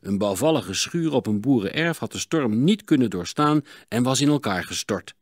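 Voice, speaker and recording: A man narrating a children's audiobook in an expressive, dramatic reading. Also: medium pitch, normal speed, dry recording, studio quality. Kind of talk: storybook narration.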